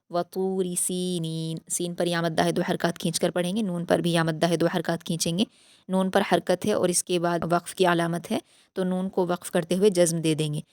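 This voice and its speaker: A woman with a low, even, smooth voice, patiently teaching recitation in a slow lesson. She explains each rule, then recites the words slowly and carefully. The sound is close and dry. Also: dry recording.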